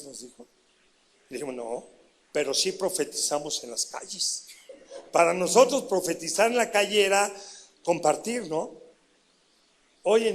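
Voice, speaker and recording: A middle-aged pastor with a Mexican Spanish accent preaches his testimony in a high, bright voice. He tells the story with lively energy and keeps turning to the congregation with questions. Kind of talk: sermon testimony.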